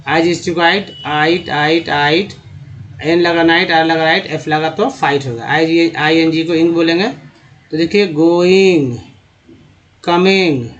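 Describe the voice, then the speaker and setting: A man with a Hindi accent teaching how to read English from slides, on the higher side for a male voice. He breaks words into parts and sounds each one out slowly, repeating words several times. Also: steady tone, muffled recording. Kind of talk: slide-based phonics lesson.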